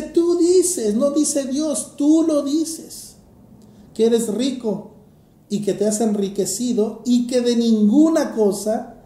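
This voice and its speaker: A woman preaching a sermon in an emphatic, deliberate way, repeating phrases for effect. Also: fairly high pitch, dark tone. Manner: emphatic, deliberate, rhetorical repetition. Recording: echoey room.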